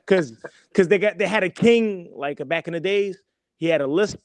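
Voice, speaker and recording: A man's voice: high voice, moderate pace, a little mellow, dry recording. Rambling New man, dry close sound. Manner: rambling, repeats himself, swears freely. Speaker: podcast co-host. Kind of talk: casual chat.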